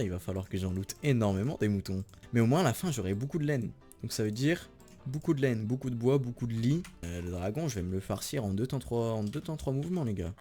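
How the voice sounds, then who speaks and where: A young man talks through his gameplay in a loose, slangy, excitable way, laughing often. His voice sits at a middle pitch, and soft music plays quietly underneath. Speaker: gaming YouTuber. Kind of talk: casual gameplay commentary with voice-over narration.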